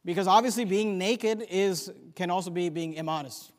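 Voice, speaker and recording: A male pastor preaching a sermon, emphatic, swinging between loud declarations and quiet asides, and reciting scripture in old-fashioned wording. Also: high-pitched, normal speed. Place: church sanctuary. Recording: long church hall reverb.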